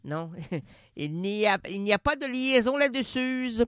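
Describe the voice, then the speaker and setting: A man's voice: very high voice, expressive, a little slow, a bit bright, clear, resonant tone, dry recording, studio quality. A man hosting a bantering comedy sketch, mixing playful jokes with mock-solemn recitations.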